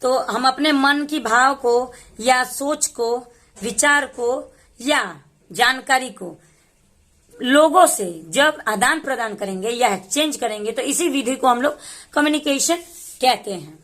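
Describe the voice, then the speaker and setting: A woman teaching English who reads phrases slowly and explains each word in Hindi. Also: sits high, a bit bright. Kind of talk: slow explanatory lesson.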